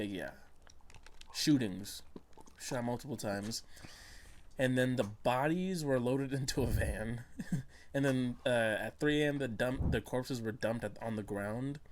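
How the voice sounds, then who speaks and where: A man's voice: medium pitch, takes it slowly, long pauses, a little hiss or hum. A man co-hosting a podcast in casual chat, joking and rambling, often trailing off mid-thought. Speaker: podcast co-host.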